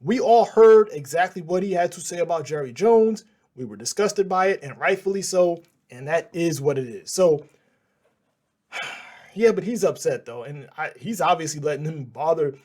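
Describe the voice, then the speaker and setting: A man's voice: fairly high pitch, lively intonation, normal speed, a little mellow. A man hosting a news channel, reacting to clips in a casual, sarcastic and exasperated way.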